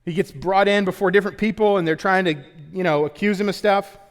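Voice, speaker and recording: A man preaching a sermon in a conversational, joking way, with sudden loud bursts. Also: high-pitched, steady tone, fast talker, in a large hall. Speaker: pastor. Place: church auditorium.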